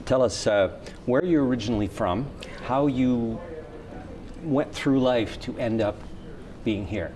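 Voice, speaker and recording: A man hosting a community TV talk show, asking relaxed, friendly questions in a studio interview. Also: mid-range voice, a little slow.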